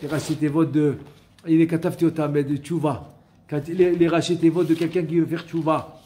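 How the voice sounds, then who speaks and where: Male rabbi, slightly raised pitch, animated teaching delivery, slow chanted verses between plain talk. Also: slight background noise. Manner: animated, asks the listener questions, repeats key phrases. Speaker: rabbi teaching a Torah class. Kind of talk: Torah lesson with storytelling.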